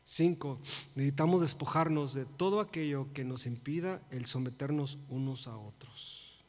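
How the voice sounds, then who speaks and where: A man in his forties preaching a sermon, swinging from loud emphasis to hushed pleas and dropping English phrases into his Spanish. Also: mid-range voice, normal speed, big-room sound. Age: 40s. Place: church sanctuary.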